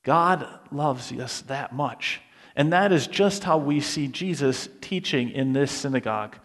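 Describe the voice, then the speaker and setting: A man's voice: mid-range voice, expressive, unhurried, a bit bright. A man preaching a sermon in an earnest tone, asking rhetorical questions and acting out the voices he quotes. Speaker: pastor. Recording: preached in a hall with long reverb.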